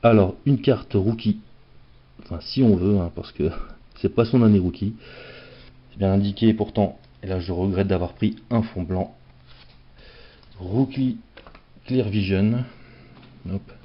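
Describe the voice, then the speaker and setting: A man talks through opening packs of cards in a relaxed, joking way, often poking fun at himself. His voice sits on the low side. The recording is dull and lo-fi. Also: a little slow, long pauses. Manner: chatty, self-mocking, playful. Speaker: card collector opening packs. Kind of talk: casual unboxing commentary.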